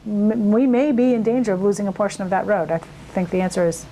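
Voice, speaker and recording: A woman's voice: mid-range voice, quick pace, mellow, a little hiss or hum, poor audio. Woman town official, chatty and down-to-earth, mid-range voice, giving a local community update. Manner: casual, plain-spoken and chatty. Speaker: town administrator.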